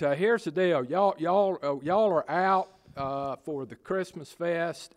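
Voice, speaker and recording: An improv actor playing a bumbling Southern small-town mayor who stammers and fumbles through fillers while delivering bad news. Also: male voice, fairly high pitch. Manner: hesitant, stammering, full of fillers.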